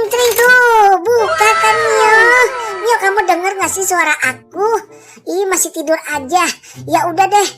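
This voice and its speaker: A woman's voice: very high-pitched, fairly bright tone. A woman voicing a creepy female ghost who coaxes little girls to stay and play with her, in a sing-song, childlike way over faint background music. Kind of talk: roleplay narration over game footage.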